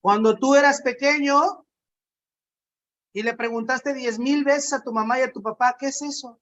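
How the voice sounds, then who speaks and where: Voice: high-pitched, steady tone, moderate pace, fairly bright tone, dull audio. A preacher giving a conversational sermon, asking the congregation questions and acting out quotes.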